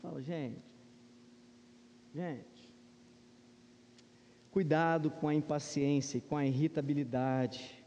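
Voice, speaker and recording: A Brazilian-accented man teaching Sunday school gives an informal Bible lesson to a congregation in a large church room, often turning to them with questions and rhetorical tags. His voice is on the high side, steady, warm and slow, with frequent pauses. The hall is reverberant with a long echo, and the recording has cut-off highs and slight hiss or hum.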